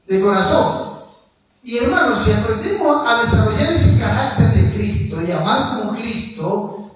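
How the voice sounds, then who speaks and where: High-voiced man preaching in an echoey hall. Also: far from the mic. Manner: emphatic, asks the congregation to repeat phrases after him. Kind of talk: sermon. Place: church hall.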